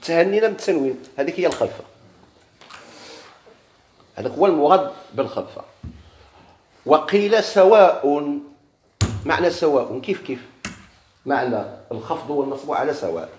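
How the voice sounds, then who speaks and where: Fast-talking Moroccan man teaching grammar. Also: mid-range voice, animated, a little mellow, a little hiss or hum. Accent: Moroccan Arabic. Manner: questions students, then answers himself. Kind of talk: classroom lesson explaining grammar. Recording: echoey room.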